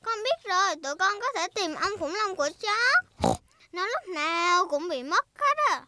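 Very high-pitched little Peppa Pig. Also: female voice, expressive, moderate pace, heavy background noise. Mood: eager. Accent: southern Vietnamese. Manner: bright childish, chatty. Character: cheerful confident little girl piglet. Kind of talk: children's cartoon dub. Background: music.

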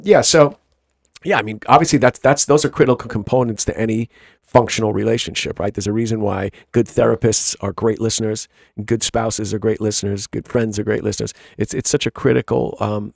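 Man, Long Island accent, middle-aged, gravelly, fast, rambling podcast co-host. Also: fairly low pitch, no echo, clean studio sound. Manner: rambling, restarts often, reflective. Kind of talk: casual book club chat.

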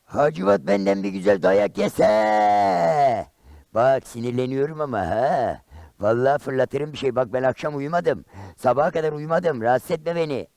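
A man voicing Karagöz, a blunt, quick-tempered common man in a traditional shadow puppet play, firing off rhyming comebacks. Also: lively intonation, dry recording, natural voice. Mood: grumpy. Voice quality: gravelly and high. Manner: loud, rhyming comebacks, exclamations.

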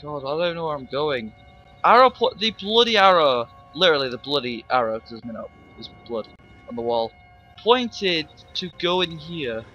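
A young man narrates his horror game run, swearing and yelping when startled. His voice is bright and fairly high, swinging widely in pitch. Faint game music plays behind him. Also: lively intonation, normal speed, highs cut off. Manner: jumpy, swearing, laughing, yelling when startled. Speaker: gameplay commentator. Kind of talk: let's play commentary.

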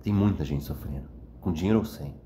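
A man's voice: a bass voice, a little fast, dark tone, slight background noise. A man talking in an emotional, reflective monologue to the camera, earnest and rambling, tagging his sentences with little questions and sounding worn out after crying. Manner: earnest, rambling, frequent "né?" tags. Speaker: vlogger. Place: indoors, at night.

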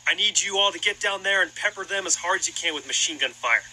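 A man voicing a bright, barking toy army sergeant. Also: high voice, fast, a little hiss or hum, rough recording. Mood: commanding. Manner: barking commands. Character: plastic toy army sergeant leading his men, male, stern. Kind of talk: animated war short.

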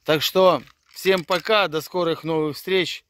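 With a clear, resonant voice that's a little high and a bit bright, a middle-aged man casually narrates a fishing vlog by a river, his phone held at arm's length. He keeps a steady tone and measured pace while chatting, stumbling, and muttering to himself.

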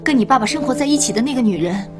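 A woman's voice: fairly high pitch, animated, rapid-fire, natural voice. An actress playing an anxious, tender young mother in a TV drama. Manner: anxious, soothing. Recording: with music score.

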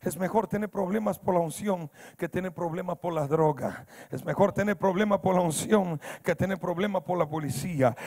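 A man preaching a sermon as pastor, telling a story and building to loud shouted climaxes. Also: high-pitched, gravelly. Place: church.

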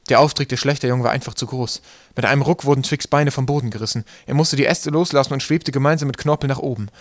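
A man reading an audiobook in calm, steady narration. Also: mid-range voice, quick pace, no echo. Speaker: audiobook reader. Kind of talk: scripted narration.

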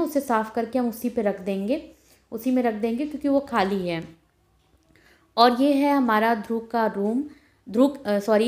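A young woman chatting casually as she walks through her small rented flat, filming a home tour on a handheld phone. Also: on the high side. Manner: chatty, homely, walking while filming. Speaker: home vlogger. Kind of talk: casual house tour narration. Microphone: phone camera held while walking.

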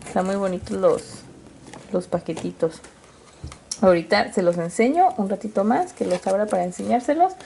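A woman's voice: mid-range voice, expressive, normal speed, vocal fry, warm tone, a little hiss or hum. A young woman with a Mexican Spanish accent, chatting affectionately to her viewers in a casual home vlog, laughing often. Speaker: vlogger. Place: home indoors. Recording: music playing underneath.

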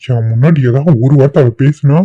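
A man's voice: mid-range voice, fairly quick, no echo, lo-fi sound, close to an everyday voice. A man in his twenties voicing a defiant young husband arguing with his mother in a cartoon. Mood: insistent. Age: 20s. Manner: defiant, insistent. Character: defiant young husband, 25, hot-headed son. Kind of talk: cartoon voice acting.

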